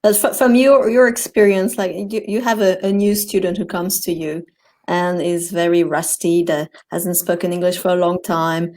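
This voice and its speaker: A woman's voice: on the low side, steady tone, moderate pace, a little mellow. A woman hosting a casual interview over a video call. She is friendly, laughs often, and fills her questions with many fillers and restarts. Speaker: interview host.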